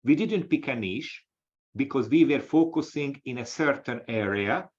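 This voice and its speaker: Brief: Hungarian-accented male academic, halting webinar delivery, mid pitch, dull lo-fi audio. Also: animated, a little mellow, slightly rough. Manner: halting, with frequent restarts and fillers. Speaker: webinar speaker, associate professor. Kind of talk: lecture-style webinar talk. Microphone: video call.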